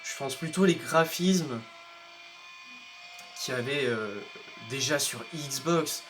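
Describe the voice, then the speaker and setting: Faint game music accompanies a young YouTuber as he slowly commentates his racing game. Excitable and joking, he addresses rival drivers directly and lets out sudden high yelps at mishaps.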